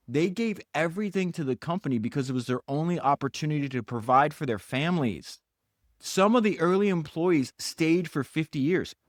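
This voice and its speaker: A man narrates a founder's biography on his podcast, speeding up in excited bursts and slipping into the voices of the people he quotes. He stammers and restarts as he goes. The sound is dry and close, with no room echo. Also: a little high. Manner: animated, acts out quotes in character. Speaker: podcast host.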